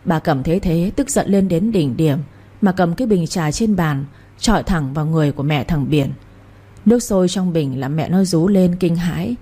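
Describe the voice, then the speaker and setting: A woman narrating a story in a steady, even reading voice. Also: lowish voice, slightly rough.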